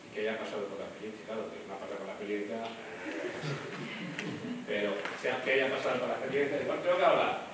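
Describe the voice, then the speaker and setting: A man teaching a voice class, lively and demonstrative, speaking straight to his students. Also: lowish voice, fast talker, long pauses. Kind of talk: classroom lecture. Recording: echoey room, mic from far off, noisy.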